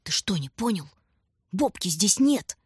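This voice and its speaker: A woman voicing a grim young girl who speaks quietly, firmly and curtly. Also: medium pitch, big pitch swings, a little slow, breathy edge, no room sound, studio quality, full character voice. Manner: quiet, firm, curt.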